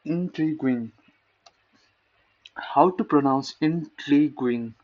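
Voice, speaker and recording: A man's voice: medium pitch, steady tone, measured pace, muffled recording. Rambling man repeating words aloud. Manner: rambling, self-mocking, repeats words to practice pronunciation. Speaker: programmer reading a tech post. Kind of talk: casual screen-recorded coding talk.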